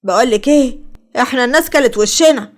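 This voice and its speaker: A woman's voice: high voice, fast talker, lightly acted. A woman with an Egyptian Arabic accent voicing a greedy, two-faced middle-aged aunt who nags. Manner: nagging, fake-sweet.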